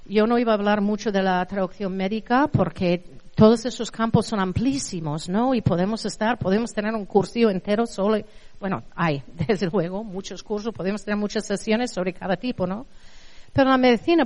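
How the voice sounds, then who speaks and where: Recorded in a reverberant lecture hall, this woman's voice is mid-range with a darkish tone. She is middle-aged, from Spain, and speaks with a Spanish accent while giving a chatty translation lecture at a university, regularly checking in with listeners.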